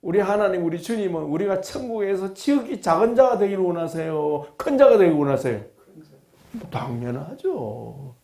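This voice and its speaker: A man pastor teaching a Bible class in a sermon style, animated and humorous, firing rhetorical questions at his listeners. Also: high voice, echoey room. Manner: humorous, acts out blunt reactions. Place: classroom of a study institute.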